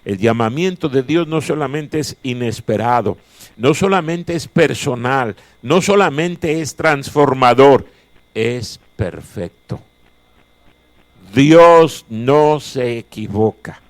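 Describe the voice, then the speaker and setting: A man's voice: medium pitch, lively intonation, slow pace, dry recording. A male pastor preaching a chapel sermon, emphatic and repeating his key phrases. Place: chapel of a Bible college.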